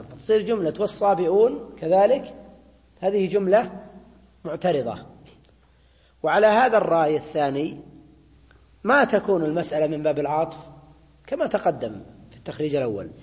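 A man's voice: fairly high pitch, animated, a little fast, long pauses, a little mellow, big-room sound. A man giving a classroom grammar lecture. He explains step by step, repeats his points and keeps checking in with students. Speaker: Arabic grammar teacher.

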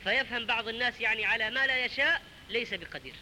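A man preaching a Friday sermon to the congregation in an earnest, corrective way. He quotes common sayings and then slowly sounds out the right wording. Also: very high voice, sharp tone, a little hiss or hum, low-quality recording.

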